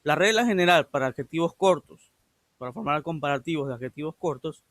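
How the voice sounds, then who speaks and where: A man's voice: on the high side, brisk, a bit bright, dry recording. A male English teacher giving a recorded lesson, patiently explaining and repeating grammar rules step by step. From Ecuador.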